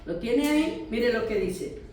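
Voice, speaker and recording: A woman pastor with a Mexican accent, teaching a church class in a lively storytelling way and speaking straight to her listeners. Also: fairly high pitch, unhurried, a little hiss or hum. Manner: animated storytelling, addressing listeners directly. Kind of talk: sermon-style teaching with testimony. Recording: very echoey room, distant mic.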